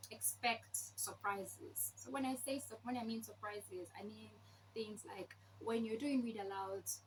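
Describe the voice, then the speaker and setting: A woman with a fairly high voice presents tips in an informal teaching style. She explains point by point, stressing key words and posing questions as she goes. Some noise sits behind her voice. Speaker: presenter sharing read-aloud tips. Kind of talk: informal instructional talk to camera. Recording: clearly noisy background.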